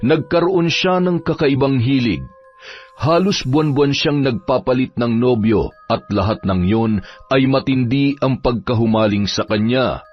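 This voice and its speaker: A man narrating a dark true story in a slow, measured, dramatic way. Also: medium pitch, highs cut off, soft background music.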